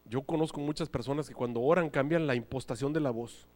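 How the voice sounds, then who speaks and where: A man preaching a sermon, animated, acting out little scenes and voices as he goes. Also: mid-range voice, a little fast. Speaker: pastor. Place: church hall. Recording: live church hall reverb.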